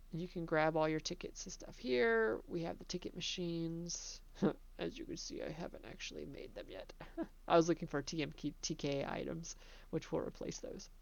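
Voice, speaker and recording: A woman casually narrating a tour of her own theme park, chatty and relaxed, laughing between remarks. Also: sits low, vocal fry, lo-fi sound.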